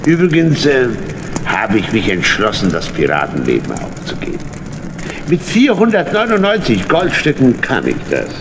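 Swooping, gloating tomcat pirate captain. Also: male voice, medium pitch, huge pitch swings. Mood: gloating menace. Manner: theatrical, drawn-out, sneering. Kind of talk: children's audio play acting. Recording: noisy, echoing old radio-play recording.

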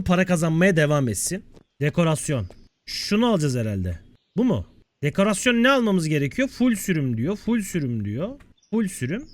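Excitable man doing let's-play commentary. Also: high-pitched, dry recording. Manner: excitable, banters and curses at the game. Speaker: gameplay video creator.

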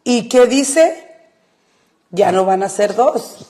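A woman's voice: mid-range voice, slow, dark tone. A woman co-hosting a faith-based marriage advice talk show, explaining Bible verses emphatically and repeating her points, with English fillers slipped into her speech. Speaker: radio co-host.

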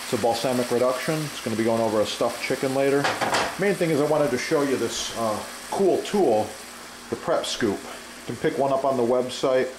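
A man's voice: mid-range voice, fairly quick. Middle-aged male home cook, enthusiastic product-plugging chatter, average voice, audible frying noise. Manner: chatty, enthusiastic, frequent "uh" fillers. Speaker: cooking demonstrator. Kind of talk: casual cooking demo with product plugs. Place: home kitchen at the stove. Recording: sizzling pan noise behind. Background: frying and sizzling in the pan.

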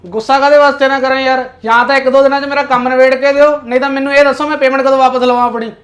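A man's voice: high voice, fairly even intonation, close to an everyday voice. An actor playing an aggrieved businessman demanding his advance back, speaking insistently with a Punjabi accent. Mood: furious. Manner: insistent, quick to anger. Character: aggrieved male businessman, hot-tempered creditor. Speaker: client owed an order. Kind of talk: web drama acting.

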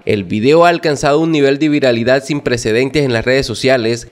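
News narrator, male, medium pitch, scripted voice-over delivery.

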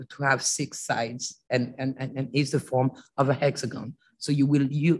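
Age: adult. Sex: woman. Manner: halting panel talk. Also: sits low, husky. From France. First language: French. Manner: halting, many fillers and restarts. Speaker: panelist and author. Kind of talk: panel discussion before an audience. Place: lecture hall with audience.

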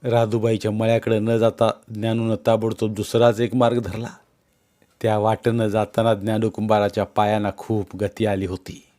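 A man reading a novel aloud as an audiobook narrator, in measured storytelling. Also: fairly low pitch, level tone, dark tone. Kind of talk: scripted narration.

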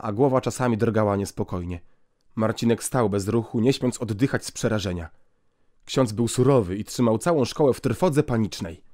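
A man narrating an audiobook in a steady, clear storytelling voice. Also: fairly low pitch, no room sound, clean studio sound.

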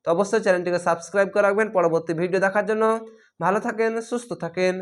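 A man teaching Quran reading in a recorded lesson. He spells words out letter by letter and draws the recited words out slowly. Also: high-pitched, steady tone. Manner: patient, repetitive instruction.

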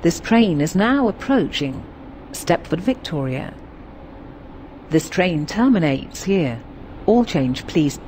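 A voice playing an automated on-board train announcer, giving formal subway-style announcements in measured, segmented phrases. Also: mid-range voice, sing-song, darkish tone. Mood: calm, formal. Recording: noisy train carriage ambience. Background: train and vehicle noise.

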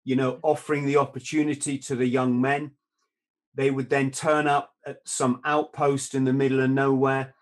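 Over a video call from a room at home, a male podcast host in his fifties asks long, storytelling questions in a casual interview chat. His mid-range voice keeps a moderate pace with little pitch movement.

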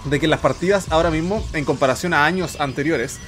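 A young man casting a strategy game replay in casual commentary, mock-solemn one moment and loudly disbelieving the next. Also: fairly high pitch, quick pace, faint music behind. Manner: excitable, mock-solemn, swings into loud disbelief. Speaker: game caster.

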